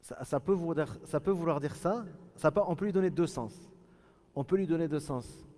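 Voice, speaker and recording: A man teaches a religious lesson in a mellow, relaxed voice, carried by a long reverb. He explains patiently and spells out Arabic phrases slowly, repeating each one to show how it is pronounced. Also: fairly high pitch. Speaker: Islamic teacher.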